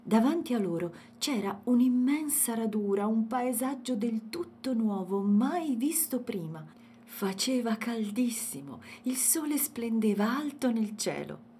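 Woman narrator for a kids picture book, lively pitch, gentle. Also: a little slow, slight background noise. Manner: gentle, expressive. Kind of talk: children's storybook reading.

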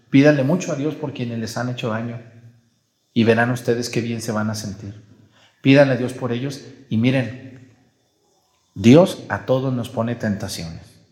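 A Mexican priest preaches in a conversational way, often tossing questions to the congregation. His mid-pitched voice rings around a large church with a long, trailing reverb. He slips into playful voices when he quotes people. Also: moderate pace, a little mellow. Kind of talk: sermon at Mass.

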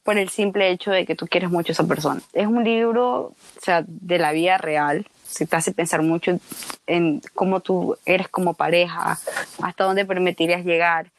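Young woman, casual podcast host, animated storyteller who slips into voices. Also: lowish voice, normal speed, poor audio. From Ecuador. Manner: animated, acts out quoted voices. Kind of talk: casual chat.

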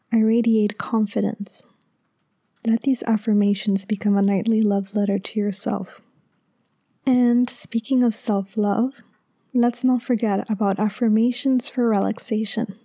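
Hushed, very mellow woman, sleep-story narrator style. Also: mid-range voice, vocal fry, no room sound, clean studio sound. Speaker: podcast host. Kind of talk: soft-spoken, soothing scripted narration like a sleep story.

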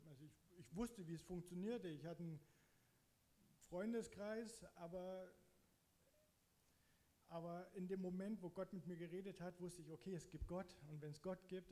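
A man's voice: fairly high pitch, dark tone. A man from eastern Saxony telling his own conversion story in plain, slangy, conversational speech. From eastern Saxony, Germany. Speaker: guest sharing a conversion testimony. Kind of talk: candid personal storytelling.

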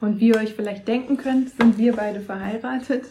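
A woman's voice: fairly high pitch, steady tone, moderate pace, noisy background. A woman in her thirties, a guest on a podcast, introducing herself in a friendly, matter-of-fact way. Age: 30s. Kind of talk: podcast conversation.

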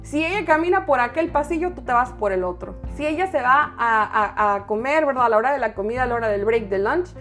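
A smug, cocky boyfriend brushes off every complaint and hands out quick fixes with a patronizing calm, as a woman mimics him. The voice sits high and bright, and faint music plays underneath. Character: cocky male boyfriend, self-styled superhero fixer.

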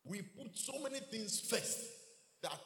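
A man delivers an emphatic sermon, rising and falling in a lively, slightly high voice. He speaks slowly, repeating key words and firing off rhetorical questions. His voice rings through a large, echoing hall. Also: gravelly. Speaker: preacher. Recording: echoey hall reverb.

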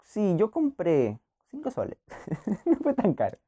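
A man's voice: sits high, huge pitch swings, takes it slowly, warm tone. A young man, hosting a podcast alone and rambling casually through personal stories with frequent laughter and restarts. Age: young adult. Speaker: podcast host. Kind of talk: casual monologue.

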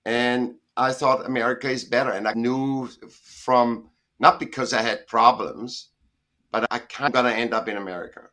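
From home in Southern California, a middle-aged Austrian guest artist does a casual interview over video call. His mid-range voice is steady and sharp at a moderate pace, and his talk rambles emphatically with frequent self-corrections.

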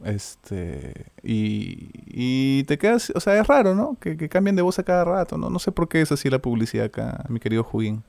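A man's voice: mid-range voice, very animated, normal speed, gravelly, hardly any pauses, darkish tone, no room sound. A man in his forties with a Peruvian Spanish accent, a voice-over announcer chatting casually in a rambling way. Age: 40s. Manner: easygoing, rambling, tags lines with "¿no?". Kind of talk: casual chat.

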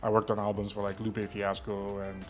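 A man's voice: lowish voice, completely flat delivery, normal speed, soft background music. A man from Nigeria whose first language is Ijesha, a guest telling his story with lots of ums and a self-deprecating air. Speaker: guest, media company CEO. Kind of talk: casual interview.

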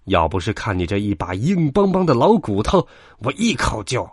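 A man's voice: lowish voice, big pitch swings, normal speed, slightly rough, dry recording, studio quality. Brief: menacing, short-tempered old wolf in a bedtime tale, a man doing it. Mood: snarling. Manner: snarling, menacing.

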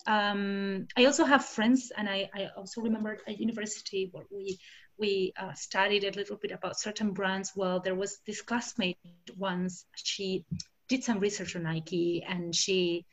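On a low-quality recording, an Argentine woman speaks at normal speed with a medium pitch and steady tone. A translator and native Spanish speaker, she casually discusses research and translation, hesitating with frequent fillers and restarts.

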